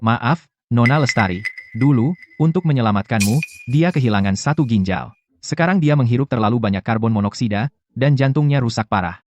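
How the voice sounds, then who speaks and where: A man playing a calm hospital doctor in a dubbed TV drama, speaking in a measured, reassuring way. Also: medium pitch, lo-fi sound, lightly acted. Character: calm male hospital doctor, matter-of-fact.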